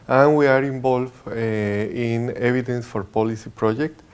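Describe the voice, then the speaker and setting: A man's voice: mid-range voice, fairly even intonation, unhurried, smooth. A man from Colombia in his forties, a research director answering interview questions and searching for words. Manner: searching for words, many fillers.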